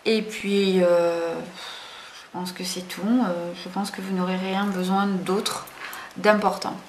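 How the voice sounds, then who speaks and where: A woman's voice: lowish voice, level tone, slow pace. A woman hosting a casual craft tutorial, chatty and hesitant, full of fillers and self-corrections. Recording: roomy echo, faint background noise.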